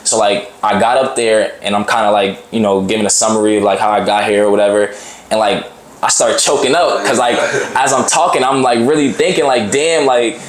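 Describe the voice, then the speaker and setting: Young man, from Boston, low voice, loose slangy fillers, interview guest, echoey room. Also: fairly quick. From Boston, Massachusetts. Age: young adult. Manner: relaxed, loose slangy talk with many fillers. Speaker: college basketball player, guest. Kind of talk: casual interview chat.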